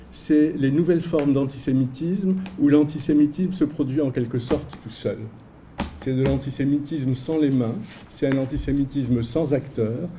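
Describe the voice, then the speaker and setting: A man giving an academic lecture in a seminar, measured and posing rhetorical questions. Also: mid-range voice, dark tone, slight background noise, low-quality recording. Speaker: invited researcher giving a lecture. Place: seminar room.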